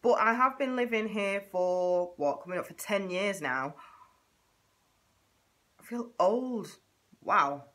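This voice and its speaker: A woman's voice: mid-range voice, lively intonation, takes it slowly, long pauses, fairly bright tone. A woman in her thirties with a Mancunian accent talks straight to camera in a chatty, comedic vlog. Her voice moves up and down a lot, and she slips into playful exaggerated takes on other people. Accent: Mancunian English. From Manchester, England. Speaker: vlogger.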